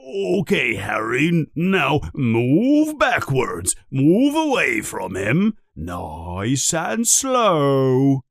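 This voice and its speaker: A man reading the lines of a big, kindly male giant teacher, who gives slow, coaxing instructions. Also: medium pitch, wildly swooping pitch, gravelly, dry recording, clean studio sound, exaggerated voice.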